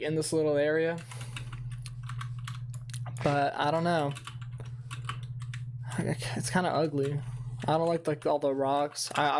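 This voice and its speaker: A man's voice: fairly high pitch, slight background noise. A young man streaming a game, talking in a rambling, profane and self-mocking way to his viewers. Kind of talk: casual livestream gaming chat.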